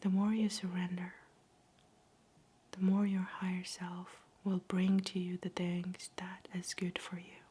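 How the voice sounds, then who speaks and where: A woman giving a whispered ASMR pep talk in a soft, breathy whisper, soothing, gentle and encouraging. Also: lowish voice, completely flat delivery, unhurried. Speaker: ASMR host.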